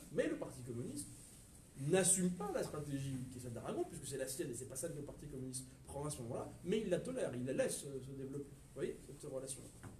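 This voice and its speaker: A man with a French accent giving a history lecture to a live audience, lively and digressive, with hesitations and asides to the listeners. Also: on the high side, a little hiss or hum. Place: lecture room at a university research center. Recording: echoey lecture room from far off, faint ambience.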